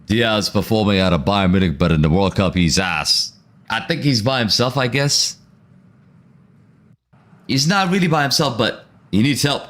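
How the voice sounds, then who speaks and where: A man's voice: fairly low pitch, moderate pace, a bit bright. A man hosting a live football watchalong, talking casually to his chat in slang and reading out viewer comments. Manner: reads out viewer comments between reactions. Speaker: watchalong stream host.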